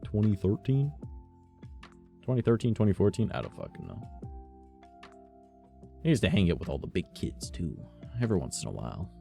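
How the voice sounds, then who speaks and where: A man chats casually while streaming a game, swearing a lot. His voice sounds rough today, swinging between low mumbles and loud bursts.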